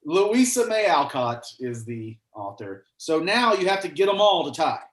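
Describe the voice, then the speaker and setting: A man's voice: fairly high pitch, very animated, moderate pace, a little hiss or hum. A man hosting a casual online trivia night, chatty and joking as he reads out the questions. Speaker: trivia host. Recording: roomy echo.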